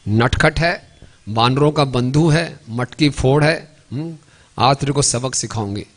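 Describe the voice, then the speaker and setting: A stern, loving mother scolds her naughty little boy and threatens to tie him up , as a male preacher puts her on. It is told within a devotional story, in a mid-pitched voice. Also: a little slow, natural voice. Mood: scolding.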